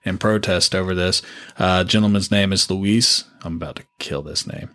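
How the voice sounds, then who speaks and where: Guy cohosting a sports podcast, kinda low voice, rambly and laid back. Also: normal speed, a bit bright. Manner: loose, laughing, rambling with fillers. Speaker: podcast co-host. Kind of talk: casual sports chat.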